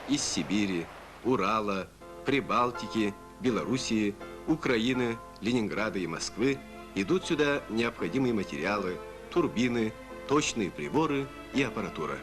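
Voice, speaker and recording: A man's voice: on the low side, animated, normal speed. Solemn old newsreel narrator, a man. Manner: formal, solemn, declamatory. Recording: narration over loud music.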